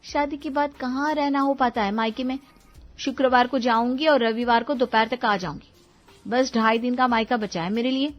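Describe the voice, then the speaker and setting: A woman's voice: on the high side, moderate pace, highs cut off, soft background music, close to an everyday voice. A woman voicing a bossy, dramatic young wife in a cartoon, sassy and demanding. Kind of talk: cartoon voice acting.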